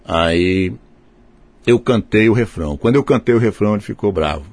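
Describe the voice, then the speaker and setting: A man, a samba composer, telling a funny anecdote in a casual, lively storytelling way, jumping up in pitch to mimic other people. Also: moderate pace.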